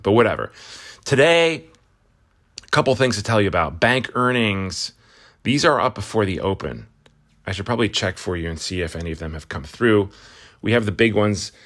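A man hosts a casual morning market news rundown in a low, slightly bright voice. He's a little hoarse from a cold and talks conversationally, often restarting sentences and using fillers.

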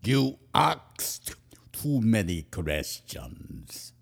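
A man putting on a stern woman Sunday school teacher with a light German accent, warning in a hushed voice. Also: fairly low pitch, big pitch swings, extremely slow, gravelly, music in the background, exaggerated voice. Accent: German, put on.

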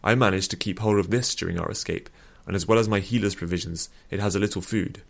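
A man voicing a gentle, hesitant healer. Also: sits low, fast, gravelly. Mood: mild. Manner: hesitant, mild.

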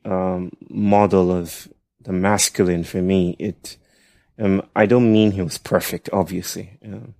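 A man with a nasal voice that sits on the low side. He talks as a podcast guest in a reflective, halting way, pausing often. The recording is dry and close. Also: steady tone, vocal fry, no room sound. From Nigeria. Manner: thoughtful, halting, with soft laughs. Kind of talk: reflective conversational storytelling.

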